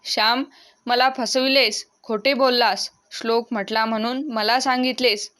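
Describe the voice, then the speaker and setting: A woman's voice: a little high, steady tone, a little slow, a bit bright. Woman reading as a firm loving mother. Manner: firm, admonishing.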